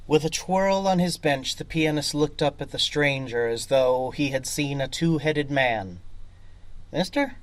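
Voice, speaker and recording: A man reading his own short story aloud as narrator, in a deliberate storytelling manner. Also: fairly high pitch. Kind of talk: scripted narration.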